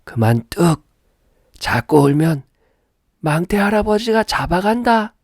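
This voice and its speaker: A man voicing an old grandmother who soothes and scolds a crying baby in a high, shrill voice. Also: sing-song, unhurried, dry recording, clean studio sound, heavily acted. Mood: scolding.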